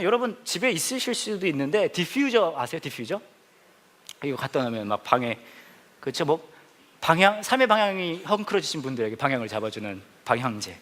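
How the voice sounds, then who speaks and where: Lively joking male pastor. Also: fairly high pitch. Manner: joking, self-mocking, lively storyteller. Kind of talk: humorous sermon storytelling. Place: church service before a congregation.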